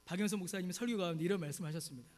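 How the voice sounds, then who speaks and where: A man's voice: sits high, rapid-fire, darkish tone. A male pastor preaching a sermon with passion, piling up repeated rhetorical questions to his congregation. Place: church sanctuary. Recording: long hall reverb.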